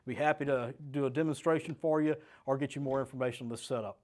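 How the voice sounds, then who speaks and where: A middle-aged American man works as a sales rep, walking through a product demo step by step in a plain-spoken, practical way. His mid-range voice is steady and a little mellow, and he talks quickly. The setting is a small indoor studio set with a desk and shelves.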